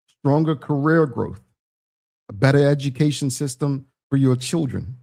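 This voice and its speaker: A man's voice: medium pitch, mellow. A man with a heavy Bermudian accent, hosting a talk show and putting questions directly to his audience in a conversational way. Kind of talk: conversational audience discussion, reading out comments.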